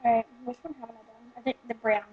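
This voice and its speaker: A woman's voice: fairly high pitch, steady tone, quick pace, breathy edge, narrow, tinny audio. A woman chatting casually while eating gross jelly beans, complaining in a joking, exaggerated way as she reacts to the tastes.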